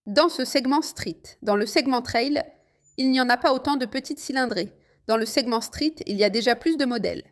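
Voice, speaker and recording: Chatty woman vlogging from a motorbike. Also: on the high side. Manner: chatty, exclamatory, addresses viewers as friends. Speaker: motovlogger. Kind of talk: casual riding commentary. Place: riding a motorcycle outdoors in city traffic in rain.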